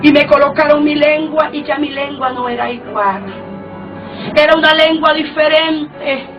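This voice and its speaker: A woman with a high voice preaches her testimony slowly, fervent and close to tears at times. She sounds distant from the microphone, muffled and dull, over soft background music. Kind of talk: emotional testimony sermon.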